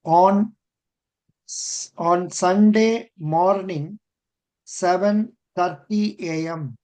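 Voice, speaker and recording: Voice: mid-range voice, very slow, darkish tone. An older interview coach with an Indian accent, giving mock interview feedback in an encouraging way and often repeating phrases.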